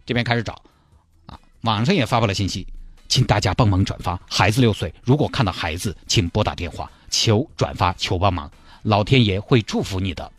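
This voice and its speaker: A man's voice: on the low side, fairly quick, dry recording. A man telling a comic story in a chatty, explaining manner.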